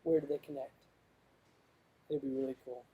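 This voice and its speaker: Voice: medium pitch, fairly even intonation, moderate pace, narrow, tinny audio, a little hiss or hum. A youth pastor preaching a sermon in a conversational way that rises to emphatic moments. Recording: roomy echoing hall.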